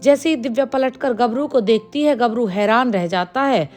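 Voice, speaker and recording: A woman narrating a moral folk tale in an expressive, dramatic scripted style. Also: a little high, normal speed. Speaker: storyteller.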